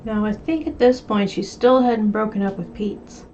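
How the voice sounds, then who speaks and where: A woman's voice: medium pitch, normal speed. Wry woman commentator, dull noisy audio. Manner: wry asides over a clip. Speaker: commentary channel host. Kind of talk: reaction commentary.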